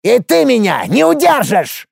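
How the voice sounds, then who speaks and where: A cowardly dwarf lord, whose creaky voice climbs high and shrill. He wheedles and bargains for his life, then squeals out insults. The sound is close and dry, with a gravelly edge. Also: wildly swooping pitch, measured pace, no room sound, heavily acted. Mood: gloating shrill. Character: panicky red-skinned male dwarf lord, cowardly.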